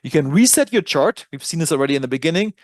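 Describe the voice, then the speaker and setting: A man's voice: on the high side, lively intonation, quick pace, no echo. A man with a German accent presenting a trading dashboard in a webinar, walking through features in a casual, self-correcting way. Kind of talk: software tutorial walkthrough.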